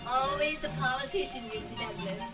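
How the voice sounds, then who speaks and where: Poised young society woman played by an actress, very high voice, self-assured, early talkie film soundtrack with music. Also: brisk, recorded from a distance, close to an everyday voice. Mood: self-assured, coy.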